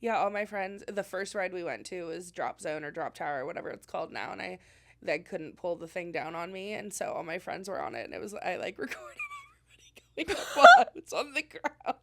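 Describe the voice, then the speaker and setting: A woman's voice: fairly low pitch, vocal fry. A young woman, co-hosting a podcast in casual, rambling chat full of fillers. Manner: chatty, rambling with many fillers. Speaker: podcast co-host.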